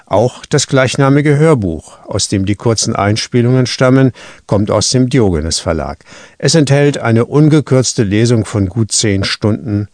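A man's voice: medium pitch, expressive, a little slow, darkish tone, dry recording. Male radio book reviewer, dry studio. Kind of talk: scripted review presentation.

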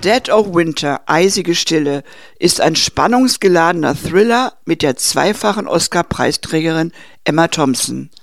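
A man narrating a film review in a brisk, summarizing way. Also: on the high side, animated, creaky, dry recording, soft background music. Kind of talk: scripted narration.

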